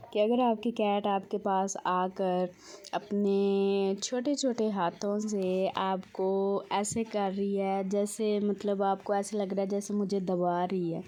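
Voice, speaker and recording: A woman calmly explaining pet behavior in a voice-over, mixing English words into her speech. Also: mid-range voice. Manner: calm explaining, mixes English words into Urdu. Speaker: pet video host.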